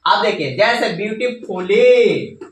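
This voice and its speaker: A male teacher giving a classroom grammar lesson, drilling his students with quick call-and-response questions. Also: sits high, background noise. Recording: echoey classroom from far off.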